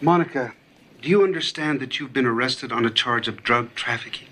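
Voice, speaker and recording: A man's voice: medium pitch, fairly quick, sharp tone. A man playing a tough, exasperated police interrogator in a TV drama, blunt, sarcastic and pressing. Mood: weary, skeptical.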